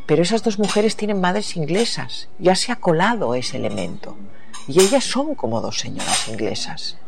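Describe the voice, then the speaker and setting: A woman's voice: on the low side, very animated, moderate pace, vocal fry, noisy background. Novelist guest, woman from the US, reflective and searching, restarts her thoughts mid-sentence. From United States. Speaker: novelist being interviewed. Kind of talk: reflective interview talk.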